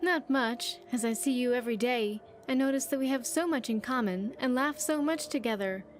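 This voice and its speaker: A woman with a fairly high, natural-sounding voice plays an earnest, grateful young survivor in video game dialogue, speaking at normal speed with a little hiss or hum in the audio. The character is chatty, sincere, and hopeful, with slightly stilted phrasing.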